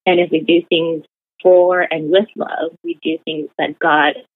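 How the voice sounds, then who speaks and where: On a dry, tinny phone-like recording, a young woman speaks at a measured pace in a low, steady voice. As an interview guest she tells casual stories, rambling and leaning on fillers like "like" and "you know."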